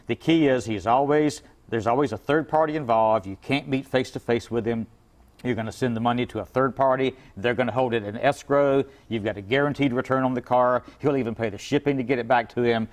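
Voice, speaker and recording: A man who owns an import car shop appears as a guest on a TV chat show, giving advice in a folksy, plain-spoken way and repeating himself. His voice is mid-range and his pace brisk.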